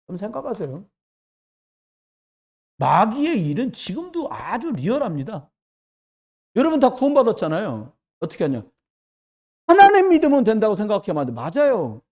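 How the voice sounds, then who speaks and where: A man preaching a sermon as pastor in a church, jumping between loud exclamations and hushed asides. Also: high-pitched, huge pitch swings, normal speed, long pauses. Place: church sanctuary.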